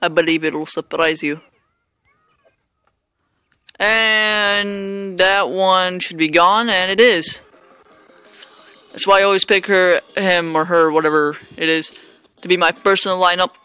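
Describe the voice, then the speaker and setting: A man's voice: high voice, fairly even intonation, unhurried, long pauses, sharp tone, clear, resonant tone, dry recording. A man casually commentating his own baseball video game play, rambling and joking at himself with lots of fillers. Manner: rambling, self-mocking, hesitant with fillers. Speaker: gameplay commentator.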